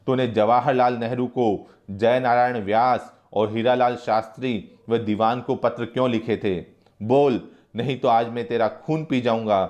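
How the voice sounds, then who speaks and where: A man's voice: mid-range voice, steady tone, a little slow, a little mellow, muffled recording, close to an everyday voice. Cruel, furious jail official, read by a man, harsh and threatening.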